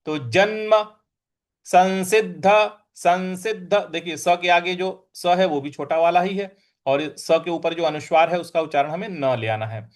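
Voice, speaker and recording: A man teaching Sanskrit verse pronunciation, saying each word slowly and repeating it with careful stress. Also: a little high. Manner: chants invocation verses in measured tones. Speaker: scripture recitation teacher.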